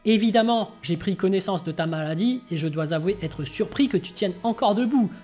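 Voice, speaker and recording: A woman voicing an ancient godlike male mentor who lectures in a calm, stern, measured way. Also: medium pitch, soft background music, lightly acted. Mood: stern lecturing.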